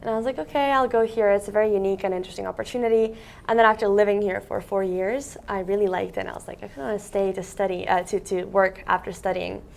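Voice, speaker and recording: A woman's voice: medium pitch, steady tone, quick pace, creaky, a little mellow. A young woman from Russia, a content creator, chatting casually as a guest in an office interview, with lots of "like" fillers. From Siberia, Russia. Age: young adult. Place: office meeting room by large windows.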